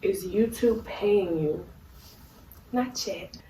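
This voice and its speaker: A woman's voice: medium pitch, very slow, dark tone. A tipsy woman chatting casually as a YouTuber answering questions, rambling in a goofy, giggly way. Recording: roomy echo, distant mic, faint noise.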